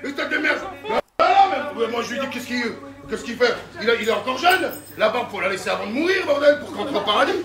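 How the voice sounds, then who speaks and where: Rowdy crude man shouting in a crowd. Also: very high-pitched, lively intonation, fast talker, echoey room, far from the mic. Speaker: comedian in a sketch. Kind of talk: loud prank banter.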